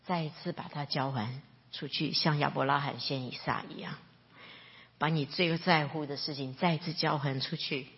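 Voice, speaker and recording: A woman preaching a sermon with a lowish, husky voice. She speaks earnestly and with feeling, going from quiet to excited and back. The recording is dull and lo-fi, with long reverb from a large hall. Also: moderate pace. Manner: earnest, emotional, swings from soft to excited.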